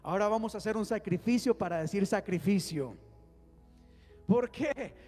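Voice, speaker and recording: Speaking at a normal pace in a high, slightly mellow voice, a pastor delivers a sermon in a church hall, inviting the congregation's response before leading a prayer. Faint music and a long hall reverb fill the recording.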